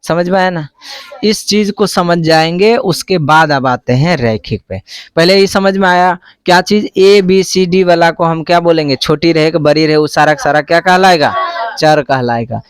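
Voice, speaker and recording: High-voiced male teacher. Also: normal speed, clear, resonant tone. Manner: call-and-response questioning, repeats answers. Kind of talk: classroom math lesson.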